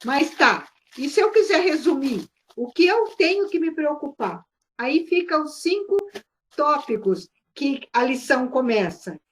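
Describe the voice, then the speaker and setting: A woman takes part in a class discussion and sums up the lesson in a hesitant, polite way. Her voice sits high. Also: very animated, measured pace, a little hiss or hum. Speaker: class participant.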